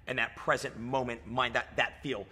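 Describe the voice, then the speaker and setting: A man's voice: medium pitch, fairly even intonation, moderate pace, bright, forceful tone, breathy edge. A man in his thirties, a fitness coach talking in a casual podcast chat, hyped and swearing, saying "dude" and "like" a lot, recorded in a gym lounge. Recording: reverberant gym room.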